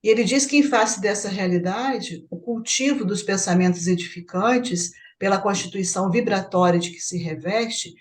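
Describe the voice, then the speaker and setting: A woman's voice: fairly high pitch, darkish tone. A Brazilian woman leading a spiritist book study, explaining a chapter and checking with her partner. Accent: Brazilian Portuguese. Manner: explanatory, asks partner for confirmation. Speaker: study group host.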